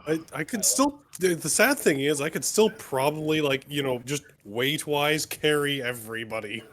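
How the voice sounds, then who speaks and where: A man chatting as a player in a tabletop session, joking around and laughing easily. His voice is bright and higher than most, with lively swings in pitch. Faint noise sits behind him. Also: normal speed. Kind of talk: casual game chat.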